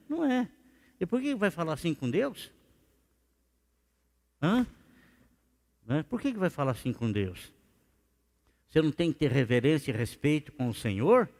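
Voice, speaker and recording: A male pastor, preaching a conversational sermon full of rhetorical questions in a church. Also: on the high side. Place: church sanctuary. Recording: reverberant church hall.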